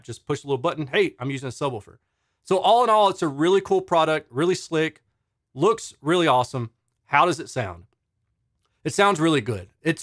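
A man's voice: medium pitch, a bit bright, no room sound. Chatty man reviewing gear, dry sound. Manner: chatty, enthusiastic, explains technical terms. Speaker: audio reviewer. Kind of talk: casual product review.

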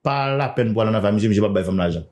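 A man's voice: lowish voice, racing, darkish tone. A man hosting a gossip news show, chatty and laughing often as he reads out details.

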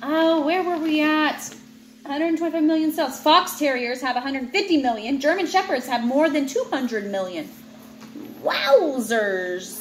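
A mother or father in her thirties, she reads a children's book to a child in a high, very lively voice, never rushing. Her expressive, teacherly reading keeps breaking off into playful, chatty asides. The recording comes from an open, high-ceilinged room at home, sounding roomy and echoey with clear background noise.

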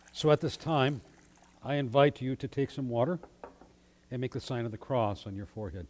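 Pastor leading prayers in cathedral echo. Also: male voice, medium pitch, a little mellow. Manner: measured, solemn liturgical recitation. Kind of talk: leading liturgy in a remotely streamed worship service.

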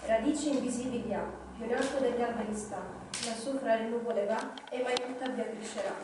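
A woman's voice: on the high side, steady tone, close to an everyday voice. Gollum, a woman hissing as a sly cave creature. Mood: sly riddling. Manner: hissing, drawn-out, slyly ingratiating. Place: live reading evening in a hall. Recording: echoey hall, distant mic, faint noise.

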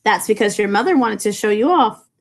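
A middle-aged high school English teacher reads a novel aloud to her class in an animated, fairly quick way, breaking off into chatty asides full of "like" and "you know." A laptop webcam records her from below in a low-ceilinged, fluorescent-lit classroom.

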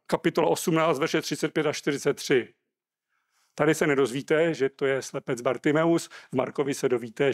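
A Czech man preaching a sermon, reading scripture aloud and explaining it earnestly. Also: a little high.

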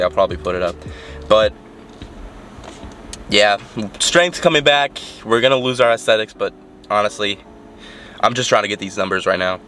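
Rambling to the camera he holds at arm's length, a young adult man vlogs about fitness from inside his car. He has a lowish, slightly bright voice with a nasal, congested quality, and his casual talk is packed with fillers and restarts.

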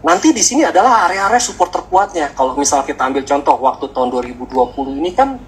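A man, a stock trader, explaining in a relaxed, rambling way with many filler sounds. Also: on the high side, fast talker, slight background noise, rough recording. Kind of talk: casual explanatory chat.

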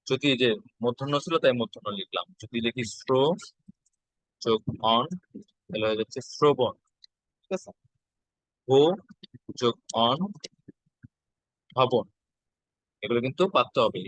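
A man's voice: medium pitch, fairly bright tone, dry recording, poor audio. A male teacher, giving an exam-prep lesson and patiently repeating each step.

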